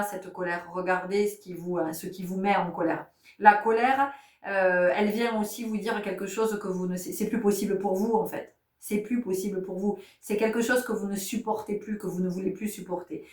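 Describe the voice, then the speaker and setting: An emphatic woman delivers a spiritual teaching talk to her listeners, coming back to the same words again and again and asking question after question. Her voice sits in the middle of the range for a woman. It is recorded from some distance in a roomy, echoing space. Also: mid-range voice. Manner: emphatic, repeats key words, many rhetorical questions; says she is not giving medical advice. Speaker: spiritual channel host. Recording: roomy sound, voice set back from the mic.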